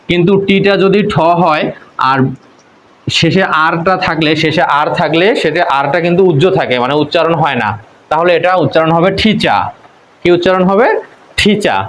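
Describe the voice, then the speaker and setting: A man with a Bangladeshi Bengali accent, teaching English pronunciation slowly, spelling out words and drilling them. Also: high-pitched, a bit bright, low-quality recording. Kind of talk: spoken-English lesson.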